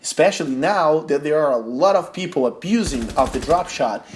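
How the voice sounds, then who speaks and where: A fairly high, expressive male voice at normal speed belongs to a young Brazilian gaming tutorial host. He explains gameplay tips step by step in English, a non-native speaker whose Brazilian accent reflects his native Portuguese.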